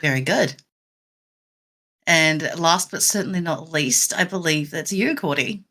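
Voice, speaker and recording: A woman game master with a bright, clear tone and a voice that sits a bit low. She narrates the scene in an upbeat, lively way and keeps the players moving. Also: a little slow.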